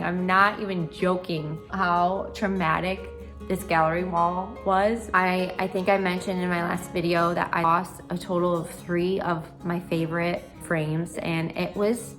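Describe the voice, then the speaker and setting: Young female lifestyle vlogger, gushing and emphatic makeover-reveal chat, lowish voice, faint music bed. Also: level tone, fairly bright tone. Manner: gushing, enthusiastic, emphatic with drawn-out stressed words. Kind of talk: chatty makeover reveal vlog. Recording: music behind the voice. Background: background music.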